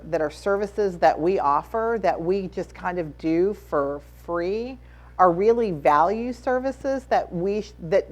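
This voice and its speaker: A woman on a conference panel giving advice to publishers, measured and full of fillers. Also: fairly low pitch, darkish tone.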